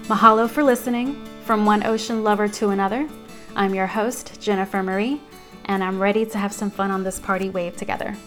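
A woman's voice: medium pitch, steady tone, brisk, fairly bright tone, soft background music. Upbeat woman hosting a podcast. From United States. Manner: upbeat, personal storytelling. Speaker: podcast host. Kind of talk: scripted podcast narration.

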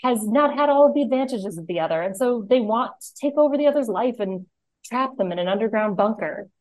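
A woman's voice: a little high, lively intonation, brisk, darkish tone, dry recording. A young woman co-hosting a podcast in casual chat, rambling and filling her talk with "like". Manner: rambling, full of "like" fillers. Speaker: podcast co-host.

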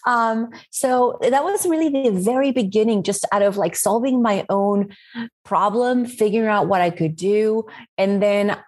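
A woman's voice: medium pitch, a little slow, a little mellow. Casting: woman in her 40s from Spain, podcast guest, chatty and rambling with "right?" tags. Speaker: guest, meal-planning website founder. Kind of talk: casual podcast interview.

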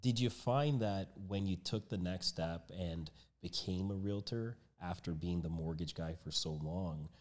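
A man's voice: sits low, unhurried, few pauses. A man hosting a casual podcast, chiming in with short agreements and asking his guest follow-up questions. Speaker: podcast host.

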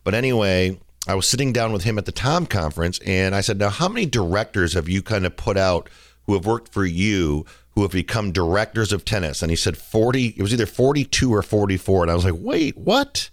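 Deep-voiced chatty man hosting a podcast. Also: brisk, no echo, clean studio sound. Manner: chatty, jokey storytelling with fillers. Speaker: podcast host. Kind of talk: casual podcast monologue.

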